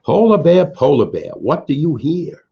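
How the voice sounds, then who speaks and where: Reading a picture book to young children, a man sings out refrains, gives simple explanations and asks the listeners questions. He speaks at a normal speed with a fairly high pitch, lots of animation, vocal fry and a breathy edge, captured in dull, muffled lo-fi sound.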